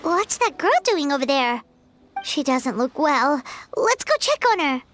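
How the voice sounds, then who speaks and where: A squeaky chirpy fairy companion. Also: female voice, a little slow, soft background music, heavily acted. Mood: curious. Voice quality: high, squeaky childlike voice. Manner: excitable, chatty, speaks of herself in the third person. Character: tiny floating fairy companion, chirpy and curious. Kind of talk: video game voice acting.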